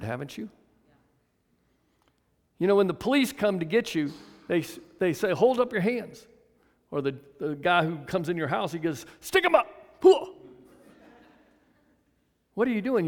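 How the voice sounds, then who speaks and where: A man's voice: high-pitched, gravelly. A man in his seventies preaching a sermon as pastor, folksy and chuckling, asking the congregation to answer back. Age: 70s. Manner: folksy, chuckling asides, calls for congregation response. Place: church sanctuary. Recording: long reverb of a church hall.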